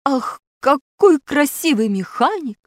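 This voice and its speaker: A woman voicing a flustered shape-shifting girl disguised as a boy, talking in shrill, excited bursts in a storybook reading. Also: brisk, dry recording, clean studio sound.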